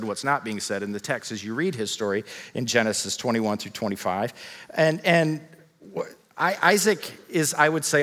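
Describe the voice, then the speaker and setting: Male pastor, bright tone, ringing hall reverb, chatty joking sermon delivery. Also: fairly high pitch. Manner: humorous, conversational preaching with rhetorical questions; father of children. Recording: long reverb of a large hall.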